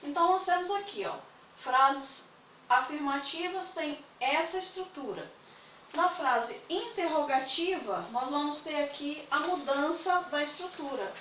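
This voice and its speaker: High-voiced teacher in an echoey room. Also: female voice, expressive, unhurried, sharp tone, distant mic, slight background noise. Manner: patient, repeats points with "né?" and "tá?". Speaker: English teacher. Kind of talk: explaining grammar in a video lesson.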